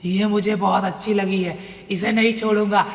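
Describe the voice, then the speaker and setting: A woman voicing a menacing male ghost possessing a young bride, in a thick, heavy man's voice with threatening shouts. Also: medium pitch, steady tone, normal speed, echoey room, long reverb tail, natural voice.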